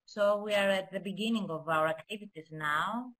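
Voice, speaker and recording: A woman speaking haltingly over a poor video-call connection, presenting her project in a webinar. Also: medium pitch, a bit bright. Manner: hesitant, halting, many fillers.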